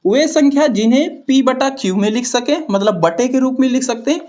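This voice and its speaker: A woman's voice: sits high, expressive, brisk, a little mellow. A woman with a Hindi accent from Uttar Pradesh teaching maths. She asks questions, answers them herself and keeps checking with "ठीक है". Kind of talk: classroom-style explanation to students.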